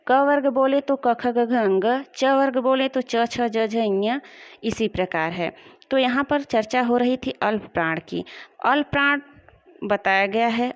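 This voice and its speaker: High-voiced woman teaching a lesson. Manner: slow, clear explanation with repeated examples. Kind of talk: classroom lesson. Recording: dull lo-fi recording.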